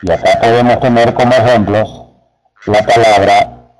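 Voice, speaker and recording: A man teaching a spelling lesson to teachers, explaining slowly and speaking to them directly. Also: on the low side, fairly even intonation, darkish tone, a little hiss or hum, low-quality recording. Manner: slow, deliberate, addresses teachers directly. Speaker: teacher trainer.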